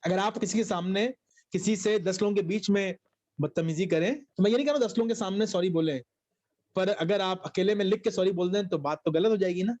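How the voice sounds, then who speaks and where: Middle-aged preacher guy telling a sermon story, highish voice, mixes in english, kinda muffled audio. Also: a little fast, darkish tone. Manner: storytelling, mixing Hindi with English phrases. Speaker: bishop preaching a Bible study.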